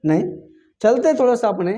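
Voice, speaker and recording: A man teaching a lecture in a dark, mellow voice, tossing out questions and answering them in the same breath. He recites multiplication tables in a sing-song chant. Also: very high-pitched, animated, moderate pace. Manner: call-and-response questioning, answering his own questions. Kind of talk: classroom lecture.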